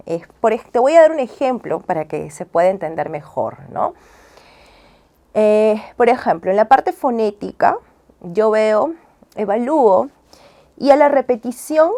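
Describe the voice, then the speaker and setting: A woman's voice: mid-range voice, a little mellow. A woman speech and language therapist, a guest in an interview, explaining patiently and often checking in with tag questions, sometimes acting out syllable drills. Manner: acts out child sounds with syllable drills.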